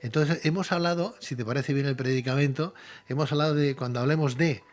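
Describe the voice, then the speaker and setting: A man's voice: fairly high pitch, brisk. A man hosting a live online talk show, chatty and rambling, often repeating himself as he speaks. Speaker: host.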